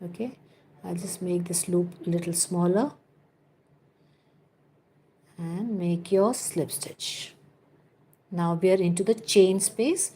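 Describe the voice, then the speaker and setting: A woman with a lowish, warm voice hosts a live crochet tutorial. She counts stitches aloud, gives patient step-by-step instructions, and chats with her viewers in asides as both crochet teacher and livestream host.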